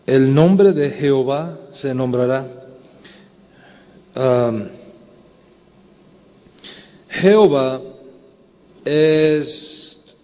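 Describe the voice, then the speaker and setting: A man's voice: mid-range voice, dark tone. A man, a rabbi, giving a conference lecture and answering questions, explaining step by step and often checking in with "ok?". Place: lecture hall. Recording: long hall reverb.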